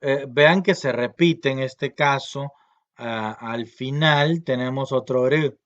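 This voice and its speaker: A man giving a recorded grammar lesson, explaining patiently with many fillers and slowly repeating example words. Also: medium pitch, a bit bright, dull audio. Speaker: language teacher.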